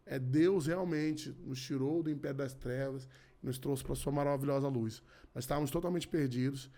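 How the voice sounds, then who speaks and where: Warm and mid-range, this thirty-something man's voice moves at a moderate pace. He's a gospel musician from Rio de Janeiro guesting on a podcast, telling his heartfelt testimony in casual conversation with frequent restarts and repetitions.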